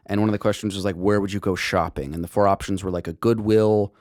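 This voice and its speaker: A man's voice: fairly low pitch, steady tone, quick pace, a little mellow, no room sound, studio quality. A young man hosting a casual podcast chat, rambling and profane, with lots of restarts and laughter. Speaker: podcast host.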